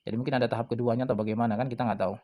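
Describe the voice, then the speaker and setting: A man's voice: mid-range voice, fairly even intonation, racing, a little mellow. A man hosting a crypto channel, casually talking viewers through a project website, chatty and full of fillers. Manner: chatty, filler-heavy, addresses viewers as friends. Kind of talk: casual screen-walkthrough commentary.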